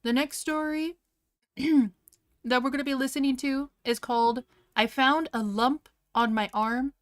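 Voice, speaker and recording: A young woman with a high, light voice talks casually to her livestream audience while drawing. She fills her sentences with "like" and giggles often. Her reactions are animated and full of disbelief. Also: unhurried. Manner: giggly, laughs often, heavy use of "like". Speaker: art streamer.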